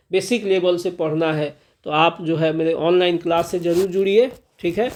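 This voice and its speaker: An English teacher with a fairly high, slightly mellow voice walks through a pronunciation lesson step by step in a classroom style. He draws the example sounds out slowly and keeps checking in with "clear ho gaya" and "theek hai" to make sure his students are following.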